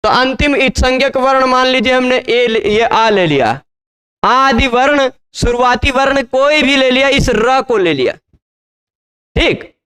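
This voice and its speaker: A man teaching grammar in a slow classroom lecture, spelling out syllables and often checking that students follow. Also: very high-pitched, bright, forceful tone, smooth. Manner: patient, repeats syllables and checks understanding often.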